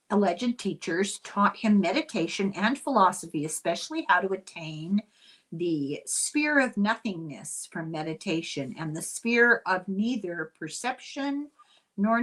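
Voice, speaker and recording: A woman's voice: on the low side, a bit bright, poor audio. Older Irish woman, host of a casual explainer. Chatty and wry, prone to tangents. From Ireland. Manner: chatty, wry, digressive asides.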